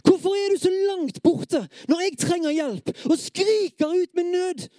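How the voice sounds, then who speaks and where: Preacher, sermon, mellow dark tone, dry close sound, dramatic scripture reading. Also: extremely high pitch, dry recording. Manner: reads scripture dramatically, at times loud and pleading; talks directly to the listeners, halting with fillers. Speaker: preacher at a worship gathering.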